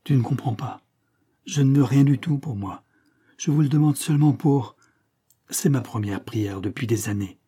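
A man's voice: medium pitch, slightly rough, lightly acted. A man reading aloud and voicing an old husband who stammers and pleads in desperation. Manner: stammering, pleading, rising to loud outbursts.

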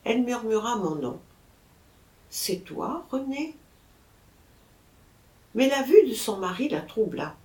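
A woman narrating a first-person story aloud in a measured, expressive way. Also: a little high. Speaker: audiobook narrator. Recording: roomy echo.

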